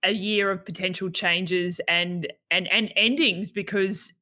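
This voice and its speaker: A woman's voice: mid-range voice, fairly even intonation, measured pace, pushed and bright. A woman hosting an interview, reflecting back on the guest's story with frequent affirming yeahs. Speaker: podcast host. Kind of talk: casual interview conversation.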